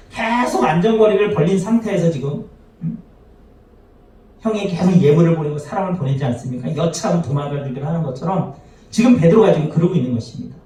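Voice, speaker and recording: A man's voice: on the high side, dark tone. A man, a pastor, preaching a sermon to his congregation, often asking them rhetorical questions and acting out the quoted lines. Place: church sanctuary. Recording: very echoey hall, voice from far off.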